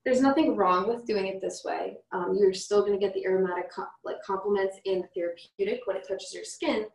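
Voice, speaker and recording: A woman's voice: mid-range voice, fairly quick, gravelly, a little mellow. Explaining woman in an echoey room. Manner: explanatory, encouraging. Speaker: essential oils co-teacher. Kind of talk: instructive class chat. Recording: roomy, distant from the mic.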